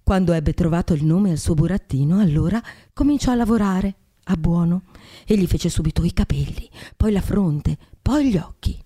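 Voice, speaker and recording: A woman podcast host reading a classic tale aloud in a measured, expressive way. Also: lowish voice.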